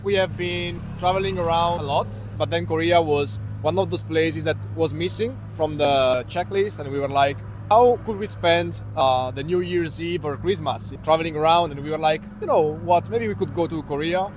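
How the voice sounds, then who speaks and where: A man from Italy with an Italian accent, answering street interview questions outdoors, thoughtful and pausing for words. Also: on the high side, a little hiss or hum. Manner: thoughtful, hesitant, searching for words. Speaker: tourist interviewee.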